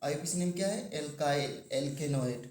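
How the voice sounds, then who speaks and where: A man teaching chemistry to a class, asking the students questions and drawing out key terms slowly. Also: on the high side, a little mellow, reverberant. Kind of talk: classroom lecture.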